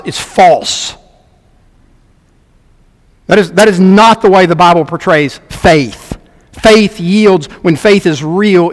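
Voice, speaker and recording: A man's voice: high voice, a bit bright, long reverb tail. A man preaching a sermon as a pastor, earnest and emphatic, repeating key words for stress.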